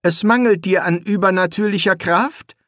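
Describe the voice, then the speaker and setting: A man's voice: sits high, moderate pace, a bit bright, no room sound, clean studio sound, pitched above the performer's own voice. A man reading an audiobook and voicing an insistent, commanding young boy who makes demands. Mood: probing. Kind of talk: audiobook character voice.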